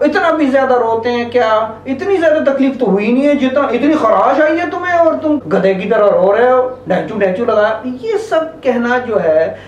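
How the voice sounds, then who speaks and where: A man's voice: high voice, slight background noise. A man teaching parents in an earnest way, asking rhetorical questions as he explains. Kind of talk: instructional talk to parents. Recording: echoey room, voice from a distance.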